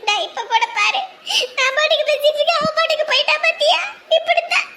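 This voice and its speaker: A woman's voice: extremely high pitch, fast, background noise. An actress playing an anxious, self-pitying village mother, scolding and lamenting in a drama. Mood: pleading.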